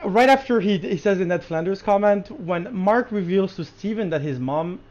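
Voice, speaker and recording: A podcast co-host reviewing a show in casual chat, excited and quick, with many restarts. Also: mid-range voice. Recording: lo-fi podcast audio.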